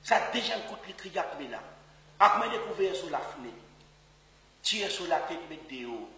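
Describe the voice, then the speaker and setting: Very high-voiced Mauritian comedian in an echoey room. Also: male voice, very animated, normal speed, recorded from a distance. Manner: broken French with Creole phrases, frequent laughter and shouted bursts. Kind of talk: comic monologue.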